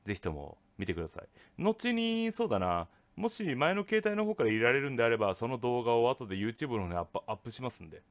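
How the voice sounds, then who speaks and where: A man telling a ghost story from his own life in a rough, casual way of talking. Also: medium pitch, fast talker, hardly any pauses. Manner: rough, casual speech with lively swings. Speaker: ghost story teller, channel host.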